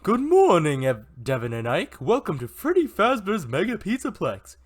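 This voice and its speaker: Man doing a childlike cartoon pig robot with a blocked nose, chirpy and eager, lively pitch. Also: moderate pace, heavily acted. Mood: chipper. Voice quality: stuffy nose, like a young kid.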